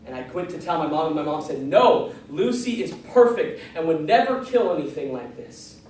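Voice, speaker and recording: A man's voice: a little high, mellow. A man telling a comic, folksy tall tale live, with dramatic storytelling and acted-out dialogue. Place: large echoey room, live before an audience. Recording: distant, very echoey live room, background noise.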